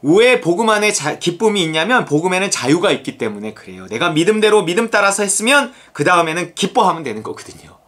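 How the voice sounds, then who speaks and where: Animated Korean Bible lecturer. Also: male voice, high voice, fast talker, few pauses. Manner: acts out characters' voices, exclaims and addresses listeners directly. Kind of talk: sermon-style Bible lecture.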